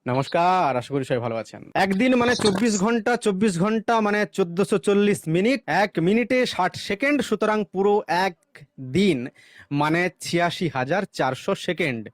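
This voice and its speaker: Sarcastic male commentator, animated and high-pitched, working through numbers. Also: fairly quick. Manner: sarcastic, chants the mantra mid-argument. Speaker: religious commentator. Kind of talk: explanatory monologue with arithmetic.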